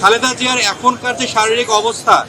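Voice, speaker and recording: Casting: male Bangladeshi reporter, quick-fire questioning over a busy street crowd. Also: very high-pitched, level tone, noisy background. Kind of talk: press question.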